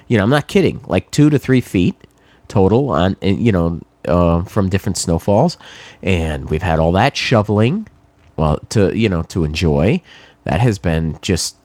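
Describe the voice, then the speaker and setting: A congested middle-aged New Englander with a cold rambles casually through a wryly sarcastic monologue full of fillers. His voice sits low and a little mellow, animated but a little slow, on a dry recording.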